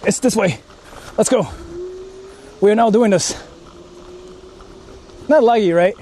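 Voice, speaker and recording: Here the Japanese haunted-spot streamer sounds high and warm, moving at a slow pace. He's out walking in a rural area on a casual vlog, chatting to viewers and thinking aloud with plenty of cursing, and the outdoor recording is noisy.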